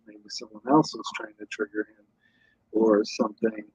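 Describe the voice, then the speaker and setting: A man's voice: on the low side, little pitch movement, moderate pace, husky, no echo, muffled recording. A man guesting on a casual review podcast, hesitant and skeptical, often correcting himself.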